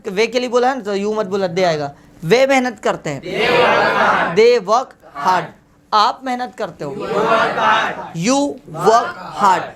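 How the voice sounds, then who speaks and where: A woman teaching an English grammar drill, repeating each sentence slowly and calling her pupils kids. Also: medium pitch. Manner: slow, repeating each sentence for the class to echo; scolds pupils fondly as kids. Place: classroom full of students. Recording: classroom with a loud chorus of students. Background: students chanting answers.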